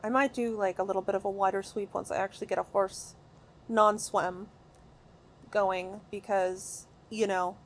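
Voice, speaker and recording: A woman giving casual, excitable gameplay commentary from her recording room at home, rambling with many fillers and restarts. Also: medium pitch, moderate pace, a little hiss or hum. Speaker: gaming video creator.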